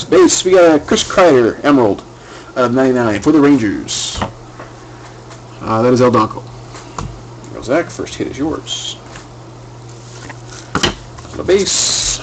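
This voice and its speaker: A man at a home desk runs a live card break, chatting loosely with plenty of filler words and restarts. His voice sits at a middling pitch. A faint hiss of room noise stays under the camera mic. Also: expressive, normal speed, long pauses, rough recording.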